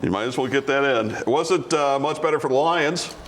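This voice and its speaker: A man's voice: mid-range voice, fairly quick, a little hiss or hum. A man co-hosting a sports talk show, casual and teasing, throwing questions to the panel.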